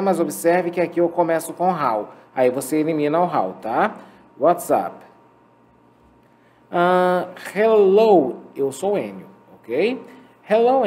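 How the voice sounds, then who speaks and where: A man with a Brazilian Portuguese accent teaching a beginner English lesson, modelling phrases slowly for learners to repeat. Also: on the high side, a little mellow. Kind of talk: slow, careful language lesson.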